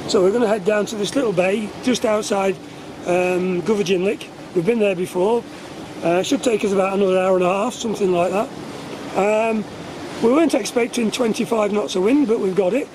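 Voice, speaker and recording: A man on a sailboat giving relaxed, matter-of-fact updates for his sailing vlog. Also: high-pitched, brisk. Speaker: sailing vlogger, skipper. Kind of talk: casual chat. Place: on a sailboat at sea, outdoors. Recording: wind and water noise outdoors.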